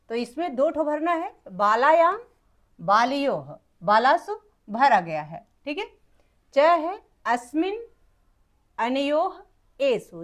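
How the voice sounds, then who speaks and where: High-pitched woman, patient schoolteacher reading exercise answers aloud, repeats each answer and checks in with the class. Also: darkish tone. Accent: Hindi. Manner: reads word forms slowly and clearly. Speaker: teacher. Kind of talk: explaining textbook exercises to children.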